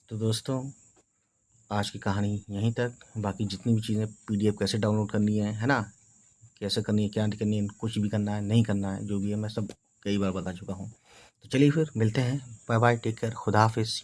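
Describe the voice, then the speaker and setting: A man's voice: fairly low pitch, fairly even intonation, a little fast, a little mellow, a little hiss or hum. A man teaching beginners to read, spelling each word letter by letter and reassuring often that it is easy. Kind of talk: slow spelled-out reading lesson.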